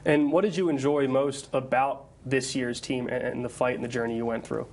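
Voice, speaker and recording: A man's voice: medium pitch, level tone, a little fast, darkish tone, slight background noise. A man hosting an awards show live in a studio, presenting and interviewing in a congratulatory manner. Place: studio set with people present.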